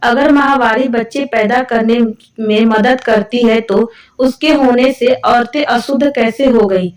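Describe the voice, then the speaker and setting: A woman voicing a calm, educated young working wife who argues her point patiently. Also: fairly high pitch, unhurried, roomy sound, recorded from a distance, close to an everyday voice. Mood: reasoning. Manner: calm, reasoning.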